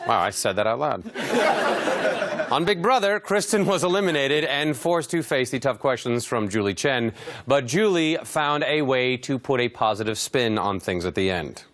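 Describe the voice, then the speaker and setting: A man hosting a comedy clip show, delivering sarcastic jokes with a deadpan edge. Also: medium pitch, normal speed, a little hiss or hum. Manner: wisecracking, deadpan jokes, chuckles.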